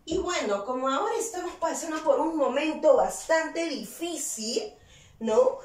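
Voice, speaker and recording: A woman teacher giving a virtual class. She explains slowly and deliberately, asking questions and then answering them herself. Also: sits high, a little mellow, recorded from a distance. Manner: slow, deliberate explaining with stressed key words. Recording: roomy echo, voice set back from the mic.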